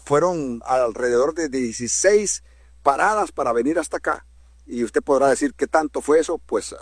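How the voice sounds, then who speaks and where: A man gives emphatic reporter commentary in a slightly high voice. He repeats words for stress and swings his delivery up and down. The sound is dry and close. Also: dry recording. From Honduras. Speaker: journalist.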